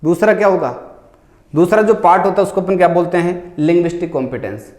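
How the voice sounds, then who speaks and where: A male teacher, giving an exam-prep lecture. He keeps asking the class questions and answering them himself, and he reads English question text out slowly, word by word. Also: high-pitched, a little mellow, reverberant.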